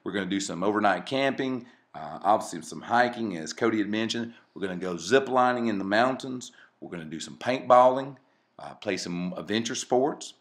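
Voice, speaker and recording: A Mississippi man in his 40s, a channel co-host, casually narrates a channel intro full of fillers and restarts. His voice is on the low side, with lively intonation and a moderate pace.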